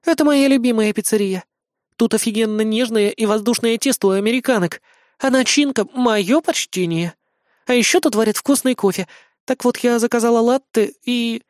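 A reader voicing a haughty, tiny female pop idol who holds a general's rank, indignant and quick to snap. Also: medium pitch, no room sound, clean studio sound, voice pushed up, lightly acted. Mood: embarrassed. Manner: snappy, indignant, easily irritated. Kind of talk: audiobook character voice.

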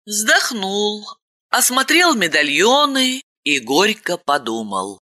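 A woman reads a story aloud with dramatic, expressive delivery. Her pitch swoops widely and her pace is unhurried. The tone is bright and clear. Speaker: audiobook narrator. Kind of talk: scripted narration.

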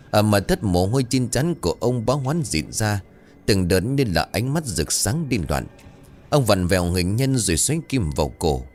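A man narrates a horror tale with a low voice that rises and falls dramatically. His delivery is tense and theatrical, and faint music plays underneath. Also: darkish tone.

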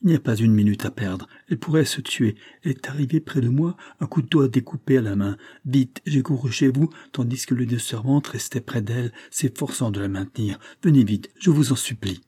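A man's voice: medium pitch, brisk, hardly any pauses, warm tone, breathy edge, dry recording, clean studio sound, close to an everyday voice. A man reading aloud voices a frightened young girl urgently begging the doctor to come. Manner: urgent, breathless pleading.

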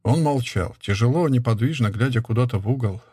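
Male literary narrator, husky, mid pitch, steady and measured. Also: no room sound, studio quality.

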